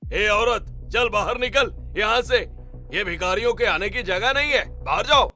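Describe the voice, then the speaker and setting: A man voices a snobbish store worker in an animated story. He talks in a snide, bossy manner with a high, sharp voice that has a bright edge. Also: unhurried, faint music behind. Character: snobbish male pizza store staffer.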